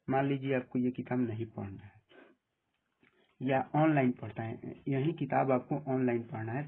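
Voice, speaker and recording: A man with a husky voice giving plain step-by-step instructions in a screen-recorded app tutorial. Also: mid-range voice. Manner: plain step-by-step instructions, often saying "dekhiye". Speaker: tutorial presenter. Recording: tinny phone-like audio.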